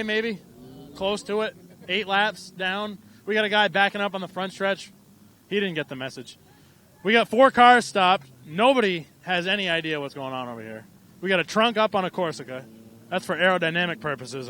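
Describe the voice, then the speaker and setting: Man, race announcer, live commentary, high voice, bright tone, profane, excitable, outdoor track. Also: a little hiss or hum. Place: outdoors at an amateur racetrack.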